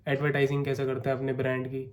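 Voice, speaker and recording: A man's voice: mid-range voice, monotone, very fast. A young man with a sore, coughing throat, chatting to camera in a casual vlog and coaxing his viewers. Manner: chatty, coaxing, keeps saying "theek hai". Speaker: vlogger.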